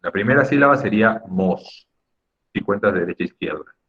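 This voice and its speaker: A man with a lowish voice delivers an animated, brisk Spanish lesson on accent rules, though the sound is dull. He teaches in an emphatic, didactic manner, hammering home key words and checking in with quick tag questions.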